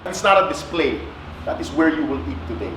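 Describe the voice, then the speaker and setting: A man from the Philippines calmly explaining the traditions of his family's house, dropping Tagalog words into his English. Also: a little high, fairly quick, distant mic. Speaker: heritage house owner. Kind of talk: casual explanatory chat. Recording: echoey room with noise.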